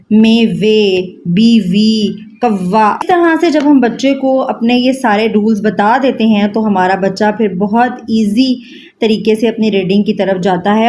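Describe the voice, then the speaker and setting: A patient woman teacher with a slightly higher voice walks through reading rules step by step. She sounds each word out slowly and keeps checking in with her listeners. Faint noise sits under her voice. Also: a little mellow. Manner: mixes English words into her speech.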